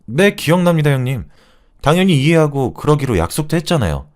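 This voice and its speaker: A man's voice: on the high side, sing-song, brisk, voice pushed up. A man voicing a polite, eager-to-please young man who is his sister's boyfriend, speaking in a raised, respectful tone for a told story. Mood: ingratiating.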